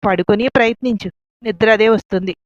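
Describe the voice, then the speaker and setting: A woman's voice: medium pitch, fairly even intonation, brisk, no room sound, lightly acted. A woman voicing a caring but bossy elder sister who scolds and soothes. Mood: soothing. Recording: dull lo-fi, dry.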